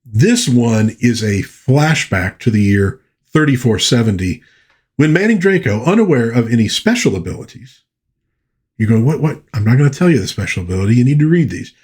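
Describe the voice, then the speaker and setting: This man speaks at a moderate pace in a very animated way, his medium-pitched voice husky and darkish. Hosting a pop culture channel, he gives viewers a casual, rambling review of old pulp fiction, reading short passages aloud and often correcting himself out of fan enthusiasm.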